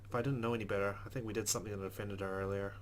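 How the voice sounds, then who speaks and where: A man hosting a let's play reads visual novel narration with expression at very high speed, in a lowish voice with fairly even intonation, adding casual, chatty asides. Guitar-driven game music plays underneath, with slight background noise.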